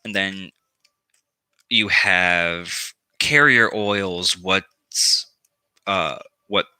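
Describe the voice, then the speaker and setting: A man with a lowish voice and a very bright, sharp edge talks slowly in a casual how-to vlog. He rambles with frequent ums and restarts and swears freely. The sound is dry and close. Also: clean tone, no echo, poor audio. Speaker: occult practice vlogger.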